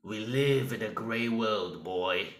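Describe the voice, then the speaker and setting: Slow, menacing Death, eater of souls. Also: male voice, on the low side, a bit bright, roomy sound. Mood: menacing, gloating. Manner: menacing, slow, grandiose, taunting. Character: Death, menacing male soul-eating entity sneering at mortals. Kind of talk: theatrical villain monologue.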